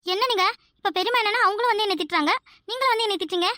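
A woman voicing a sharp-tongued, teasing young village wife in a cartoon comedy, with a Tirunelveli Tamil accent and rapid, needling questions. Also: very high-pitched, no echo, clean studio sound. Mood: alarmed, nosy.

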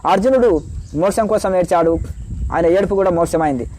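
A man's voice: sits high, a little fast, a little mellow. A middle-aged man, a spiritual teacher, answering questions in a preachy way and rattling off lists of virtues.

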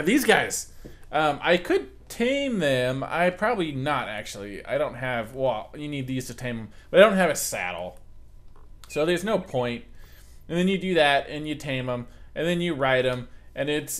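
A man's voice: mid-range voice, lively intonation, normal speed, fairly bright tone. A young man doing sarcastic let's play commentary, joking with the creatures in the game. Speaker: gaming commentator.

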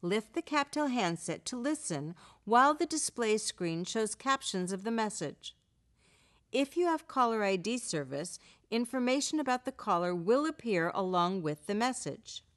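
Measured woman narrating instructions. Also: mid-range voice, expressive. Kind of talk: scripted narration.

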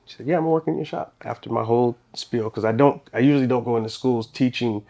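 A barbershop owner in his thirties, guesting in a small podcast studio, talks fast at a medium pitch. His laid-back, rambling interview storytelling includes restarts and gets livelier when he brings scenes back to life.

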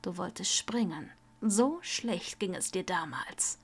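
A woman voicing a dying older wizard, bitter and cold, who rasps and often sinks to a weak whisper. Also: mid-range voice, fairly even intonation, measured pace, lightly acted. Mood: rasping weak. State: coughing, ill.

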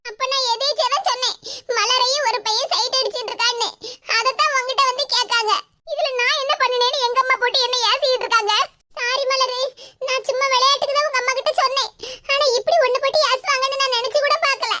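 Brief: apologetic young cartoon friend, voiced by a woman, Kanyakumari Tamil accent, very high. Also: fairly even intonation, quick pace, bright, forceful tone, a little hiss or hum. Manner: apologetic, chatty.

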